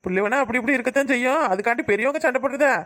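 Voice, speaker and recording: A stingy, kindly old village grandfather from a cartoon, voiced by a woman, with a Kanyakumari Tamil accent. He grumbles quickly in a fairly high, bright voice and scolds gently. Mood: gently scolding. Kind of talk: cartoon voice acting.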